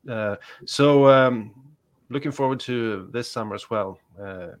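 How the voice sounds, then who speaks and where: A man on a podcast panel, chatting in a relaxed and hesitant way, with lots of fillers. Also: medium pitch, a little slow. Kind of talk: casual chat.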